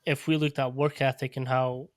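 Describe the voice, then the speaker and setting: A man from Portugal hosting a podcast, speaking in a measured, reflective way and often restarting his phrases. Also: medium pitch, level tone, no room sound, studio quality. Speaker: podcast host. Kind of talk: casual interview conversation. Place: podcast studio.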